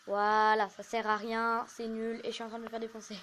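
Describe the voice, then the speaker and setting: A woman's voice: fairly high pitch, monotone, a little fast, fairly bright tone, slight background noise. A woman giving casual, rambling gameplay commentary as a YouTuber, chatty and self-mocking. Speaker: gaming YouTuber.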